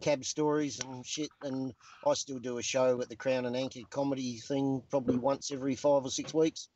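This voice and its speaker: A man's voice: mid-range voice, little pitch movement, normal speed, darkish tone, highs cut off, a little hiss or hum. A middle-aged man bantering crudely as a guest in a casual chat.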